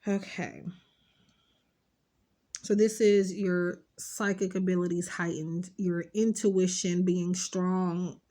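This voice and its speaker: With a fairly low, darkish voice and a blocked nose, a woman sniffles her way through an informal, meandering tarot reading. She speaks straight to her viewers in a reassuring way, peppering her talk with fillers.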